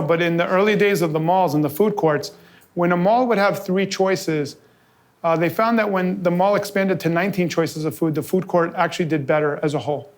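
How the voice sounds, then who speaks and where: A man from New York giving an energetic live presentation to an audience as a convention founder, telling stories with quick asides and quoted back-and-forth. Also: on the high side. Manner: fast, animated storytelling with quick asides and quoted dialogue. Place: office event space with a live audience.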